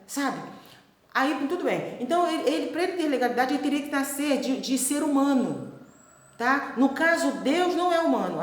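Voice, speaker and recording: A woman's voice: high voice, reverberant. A woman teaching the Bible in a chatty way, often checking that her listeners follow and acting out quoted voices. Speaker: preacher.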